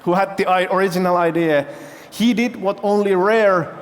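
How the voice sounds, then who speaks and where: High-voiced man giving a keynote. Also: normal speed. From Finland. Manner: engaging, quizzes the audience with show-of-hands questions. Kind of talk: stage keynote storytelling. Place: large festival hall stage. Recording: long hall reverb.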